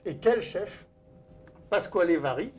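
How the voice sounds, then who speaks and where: Speaking slowly in a high, slightly rough voice with lively intonation, a man who is an event host and wine author opens a live-streamed cooking event. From a cooking school studio kitchen, he welcomes viewers and introduces the guest chef like a formal emcee.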